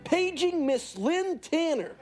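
ALF paging like a hotel bellhop. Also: male voice, extremely high pitch, very animated, slow, faint music behind, full character voice. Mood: mock formal. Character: wisecracking male alien puppet playing a hotel bellhop. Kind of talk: sitcom acting.

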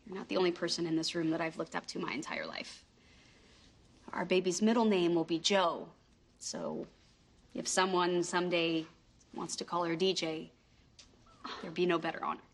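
A woman playing a warm new mother in a sitcom, speaking sincerely and deliberately with gentle teasing. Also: lowish voice, steady tone, a little hiss or hum, natural voice. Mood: heartfelt. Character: warm new mother naming her baby. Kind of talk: sitcom acting, heartfelt speech.

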